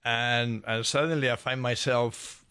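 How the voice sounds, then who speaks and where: A man in his sixties from Spain with a Spanish accent, a radio guest talking in a halting way, searching for words and restarting. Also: medium pitch, fairly even intonation, sharp tone, clean tone, no echo. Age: 60s. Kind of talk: casual radio conversation.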